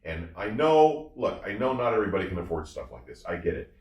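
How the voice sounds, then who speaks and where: Deep and darkish in tone, this man's voice swoops wildly in pitch as he talks briskly. He's an audio reviewer and show host chatting about products casually and enthusiastically, emphatic and effusive, frequently repeating himself. It's recorded in a roomy space, somewhat far from the mic.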